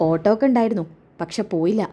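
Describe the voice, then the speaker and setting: Woman playing a blunt young man, offhand, dark soft tone. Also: mid-range voice, racing, lightly acted. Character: blunt young man, a friend spreading news.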